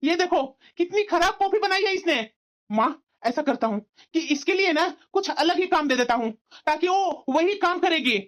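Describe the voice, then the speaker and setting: A woman's voice: sits high, expressive, moderate pace, few pauses. A woman voicing a scornful, short-tempered young husband in a cartoon, speaking in a snappish, scolding way. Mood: angry. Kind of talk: cartoon voice acting.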